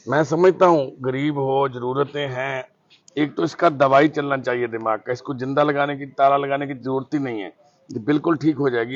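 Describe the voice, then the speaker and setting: A man's voice: medium pitch, no echo, highs cut off. A man, a shelter volunteer earnestly counseling a family. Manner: firm, earnest, lecturing.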